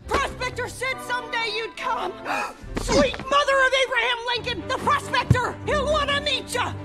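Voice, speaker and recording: An actress playing an excitable, bouncy young cowgirl doll in an animated film. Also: very high voice, moderate pace. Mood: thrilled. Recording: film clip under loud music.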